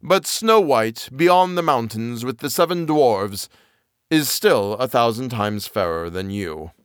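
A solemn magic mirror from a storybook spoken by a male narrator answers slowly and gravely, in a measured, even tone. The recording is dry and close. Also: medium pitch, no echo.

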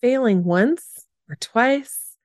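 A woman's voice: on the high side, lively intonation, very slow, no room sound, muffled recording. A woman in her forties hosting a solo motivational podcast for photographers. She talks in an upbeat, encouraging way, asks her listeners questions and laughs easily. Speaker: podcast host and business coach for photographers.

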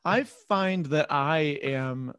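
A playful man co-hosting a comedy podcast, his voice sitting a little high for a man. He talks in loose, joking chat with quick asides. The recording is close and dry, with no room sound. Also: a bit bright, clear, resonant tone, dry recording. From lived in the American South. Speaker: podcast co-host.

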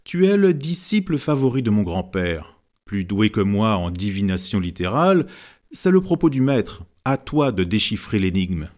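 A man's voice: on the low side, sing-song, moderate pace, a little mellow. A man voicing a middle-aged editor who modestly turns down a task. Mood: deflecting. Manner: modest, deflecting. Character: middle-aged male editor, master's grandson.

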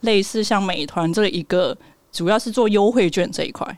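Fast, high-voiced Taiwanese-accented man. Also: dry recording. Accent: Taiwanese Mandarin. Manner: soft, cutesy Taiwanese lilt. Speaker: guest, app startup founder. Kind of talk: casual interview talk.

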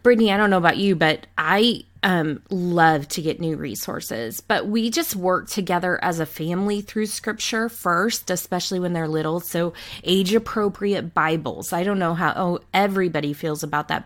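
A woman author answering interview questions in an earnest manner. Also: lowish voice. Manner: earnest, fluent with some restarts. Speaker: author guest.

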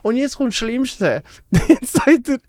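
A man's voice: extremely high pitch, unhurried, dry recording, clean studio sound. A young man speaking with a Swiss German accent, a comedian animatedly telling anecdotes and acting out the voices in them. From Congo. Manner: animated, acts out voices in anecdotes, laughs often. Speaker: comedian podcast host. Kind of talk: casual chat, storytelling.

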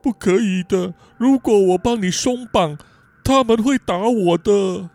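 A man's voice: sits high, measured pace, a little mellow, no echo, faint music behind. A man voicing a timid, childlike young man who whimpers. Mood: whimpering.

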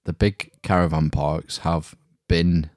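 A middle-aged man co-hosts a loose, joking podcast from inside a small caravan. His voice sits low, and the sound is tight and dry with very little room. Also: fairly even intonation, slow, darkish tone, dry recording. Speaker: podcast co-host. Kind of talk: casual comedic podcast chat. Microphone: online call, close dry sound.

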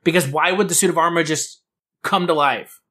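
A man's voice: on the high side, brisk, pushed and bright, husky. A man co-hosting a podcast in casual comic chat, riffing with incredulity and some swearing. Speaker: podcast co-host. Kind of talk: casual comic chat about an old TV show.

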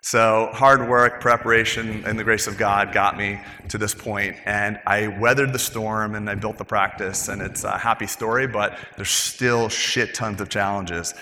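A man's voice: on the low side, steady tone, unhurried, few pauses, bright, forceful tone, in a large hall, slight background noise. A middle-aged male dentist telling his own story candidly to a group of peers, swearing casually as he goes. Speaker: dentist, practice owner. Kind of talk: personal story told to a group.

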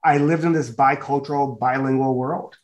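A man's voice: mid-range voice, steady tone, moderate pace. A middle-aged man, raised in a Dominican family in the United States, answering interview questions earnestly and fluently, with many "you know" fillers. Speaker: guest, media company executive.

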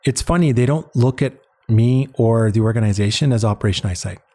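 Born in Uganda and later a Canadian resident, the head of an international eye-care charity talks a little fast in a mellow, medium-pitched voice. As an interview guest he tells personal stories earnestly and reflectively, often repeating words to make a point.

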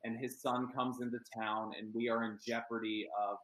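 A man's voice: medium pitch, level tone, moderate pace, fairly bright tone, reverberant, poor audio. A man from Pennsylvania talking as an actor in an interview, earnest and chatty with many ums. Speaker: actor and guest. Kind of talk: casual interview chat.

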